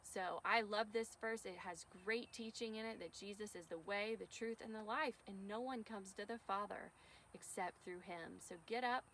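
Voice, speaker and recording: Young church lady doing kids' worship outside, peppy, gets them to shout back, bright voice. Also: medium pitch, normal speed, a little hiss or hum. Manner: upbeat, leads kids in call-and-response. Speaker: children's worship leader. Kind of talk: children's online worship talk. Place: outdoors on a church field.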